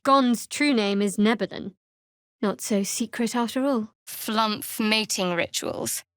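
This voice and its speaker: A woman gives a dry, measured and wry performance as a young cleric of a dark goddess in a fantasy video game, a guarded and sardonic character. Her voice sits in the mid-range, and the recording has no echo.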